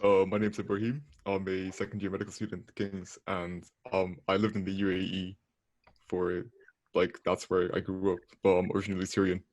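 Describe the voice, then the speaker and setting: A man's voice: sits low, level tone, a little fast, a little mellow, dry recording. A young man speaking as a panel guest in a hesitant casual way, often restarting. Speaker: panel guest, medical student. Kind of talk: casual chat.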